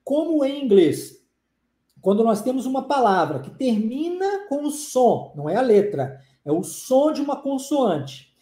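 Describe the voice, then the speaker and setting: Mellow-voiced Brazilian woman teaching, roomy echo. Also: high-pitched, very animated, a little slow. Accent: Brazilian Portuguese. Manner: upbeat, repeats phrases for drilling. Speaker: English teacher. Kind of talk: live-stream lesson answering comments.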